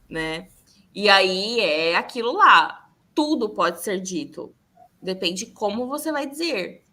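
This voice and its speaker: A Brazilian woman hosting a podcast in casual chat, telling candid stories and acting out what people said. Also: mid-range voice. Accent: Brazilian Portuguese. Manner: candid, animated storytelling with acted-out quotes. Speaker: podcast host.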